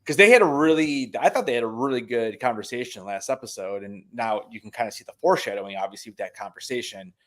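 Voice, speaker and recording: A man's voice: mid-range voice, fast, hardly any pauses. A man hosting a live TV review, thinking aloud tentatively in casual chat.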